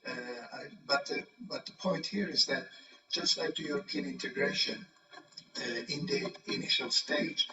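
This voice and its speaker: A man's voice: medium pitch, normal speed, distant mic, music in the background. A male professor on a panel, speaking over a group video call that sounds muffled and breaks up, hesitant with frequent filler sounds. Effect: group video call audio, muffled and breaking up. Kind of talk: panel discussion. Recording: muffled lo-fi call audio from off-mic.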